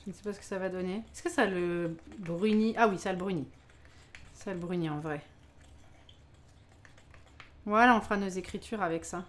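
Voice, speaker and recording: A woman hosts a live baking stream, chatting casually with her viewers, exclaiming over her work, and laughing often. Her voice is lowish, at a moderate pace with frequent pauses.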